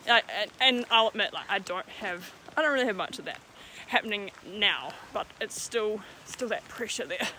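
A woman's voice: medium pitch, expressive, moderate pace, sharp tone. A young woman, chatting casually to a handheld camera in a vlog and saying "like" often. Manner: chatty, says "like" a lot. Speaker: vlogger. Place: home kitchen, then outdoors on a bush walk. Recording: faint background noise.

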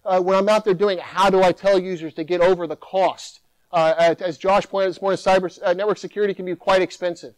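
Animated man answering at a podium. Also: sits high, quick pace, no room sound, low-quality recording. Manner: animated, mimics users in mocking voice. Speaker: keynote speaker. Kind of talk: conference Q&A answers. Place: conference hall at a podium. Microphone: podium microphone.

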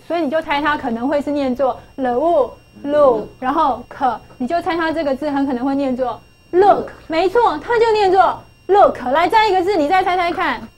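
A middle-aged woman with a high voice teaches a phonics lesson. She keeps asking her pupils questions and repeats the key points to drive them home. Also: low-quality recording. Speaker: English teacher.

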